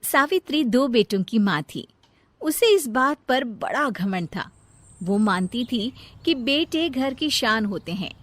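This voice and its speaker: A woman narrating a children's moral story in an even storytelling manner. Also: a little high, slow, no echo.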